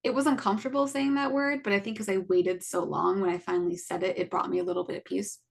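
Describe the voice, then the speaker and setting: Gravelly young woman telling her story. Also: mid-range voice, fairly even intonation, fast. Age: 20s. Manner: earnest, frequent fillers like "like". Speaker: podcast co-host. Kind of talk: casual personal storytelling.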